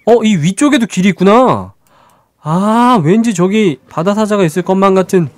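A man's voice: high-pitched, animated, moderate pace, no echo. A man streaming a survival game with live let's-play commentary, chatting with viewers and talking to the creatures on screen.

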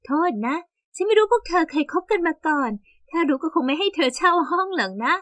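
A woman voicing a chatty young woman, her ex-boyfriend's sister, who speaks frankly in an animated story. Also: extremely high pitch, a little fast, dry recording, studio quality.

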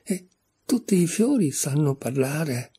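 Storybook Alice, a curious polite girl, read by a man, raised voice, husky, earnest questions. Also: medium pitch, sing-song, normal speed, mellow.

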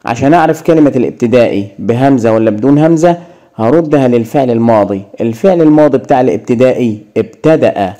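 A man's voice: medium pitch, warm tone. A man teaching an Arabic grammar lesson in an Egyptian accent, asking questions and answering them himself.

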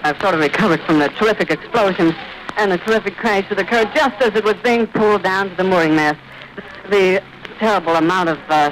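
A male radio reporter giving vivid, urgent live commentary outdoors at an airfield, pausing to catch his breath. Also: high-pitched. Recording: old 1930s archive radio recording with hiss.

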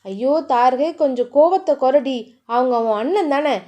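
A woman's voice: high voice, animated, normal speed, dark tone. A woman doing a soothing sister-in-law. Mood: placating. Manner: placating, urgent.

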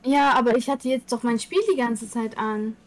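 A woman's voice: fairly high pitch, steady tone, normal speed, rough recording. Teasing woman chatting casually. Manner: teasing, self-critical. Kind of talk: casual chat.

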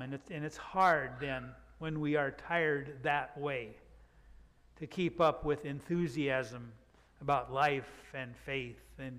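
A man's voice: mid-range voice, a bit bright. An older man, a pastor, preaching a reflective sermon from the pulpit of a church sanctuary, drawing out words for emphasis. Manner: reflective, unhurried, with drawn-out emphasis. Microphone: pulpit microphone. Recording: long church reverb.

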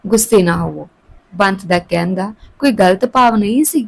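A woman's voice: medium pitch, normal speed, creaky. A woman voicing a young daughter-in-law who pleads tearfully with her father-in-law, in a storybook reading. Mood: pleading.

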